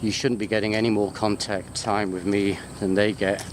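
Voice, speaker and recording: The speaker, a British university lecturer, has a low voice with little pitch movement and talks at normal speed. He meanders through an unscripted, jokey video chat while walking in botanical gardens, often distracted. It's recorded on a handheld wide-angle sports camera amid outdoor ambient sound.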